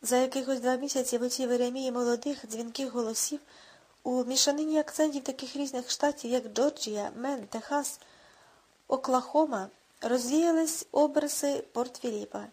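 Husky woman reading a novel aloud. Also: sits high, moderate pace, darkish tone. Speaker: narrator. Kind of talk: audiobook narration.

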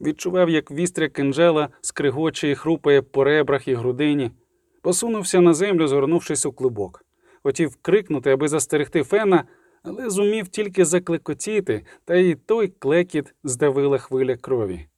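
A man narrating an audiobook in a steady, measured storytelling manner. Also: fairly high pitch, no room sound, studio quality. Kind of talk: scripted narration.

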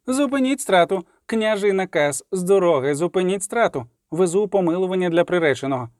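A man voicing a male rider who shouts an urgent order to stop an execution. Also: high voice, animated, fairly quick, no room sound, studio quality, voice pushed up.

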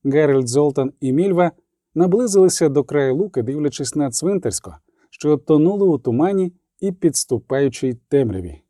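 A man narrating an audiobook with measured storytelling and a lively, shifting pitch. His tone is mellow and the recording is dry and close. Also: dry recording.

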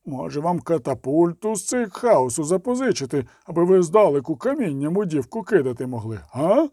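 A small burgomaster with a booming bark, as a male reader puts him on, scolding with sarcasm in a lively voice. The recording is dry and close, like a storybook. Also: fairly quick, no echo.

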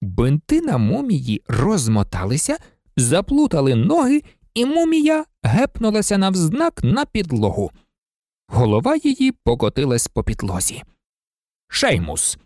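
Animated audiobook narration, dry close sound. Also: measured pace, no echo. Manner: animated, shifting pitch for drama. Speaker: audiobook reader. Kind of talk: expressive book narration.

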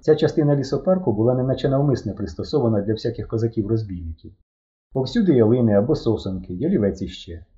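A man narrates a first-person adventure story with a mellow, darker tone. His pitch moves a lot, animated rather than flat. The recording sounds dull and lo-fi. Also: quick pace. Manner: lively, expressive reading with voiced characters. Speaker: audiobook narrator. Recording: muffled lo-fi recording.

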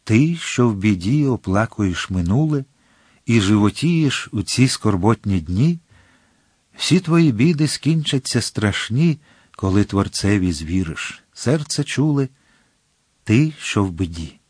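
A courteous, subtly vain young man set on the priesthood, as a man voices him. He argues politely with an edge of irritation. The voice is lively in pitch and the recording dry. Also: unhurried, husky, no echo. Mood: polite earnest.

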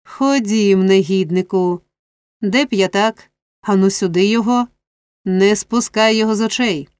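Gruff, bullying street thug, as a woman reader puts him on; slow, barking speech, dry sound. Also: mid-range voice, darkish tone, dry recording, lightly acted. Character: rough, brutish man, bullying.

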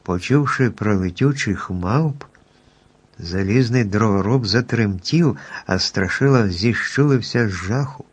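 A man calmly narrating a children's storybook at an even pace. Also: fairly low pitch, unhurried, breathy edge.

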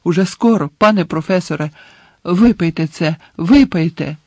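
A man's voice: high voice, normal speed, no room sound. Harry, a man doing a frantic young wizard. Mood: desperate. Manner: shouting, urgent and breathless. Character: frantic teenage boy wizard, desperate.

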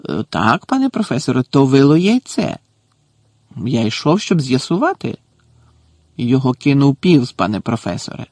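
A man voicing a breathless, shrill old male caretaker who is furious and spiteful, in an audiobook. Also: wildly swooping pitch, moderate pace, a little mellow, no room sound, studio quality. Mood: fawning. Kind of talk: audiobook character voice.

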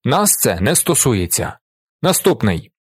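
A fat, unmoved male gendarme with a creaky voice, snapping short bureaucratic commands as a man puts him on. The voice is husky and sits in a dry, close space with no room sound. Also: medium pitch, very animated, unhurried, no room sound. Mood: cold. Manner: curt, bureaucratic orders.

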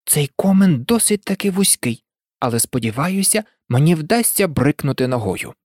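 A curious young girl talking herself through her thoughts, read by a woman. The voice sits low but moves a lot. The sound is dry and close. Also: animated, moderate pace, darkish tone, no room sound. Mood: musing. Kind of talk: audiobook character voice.

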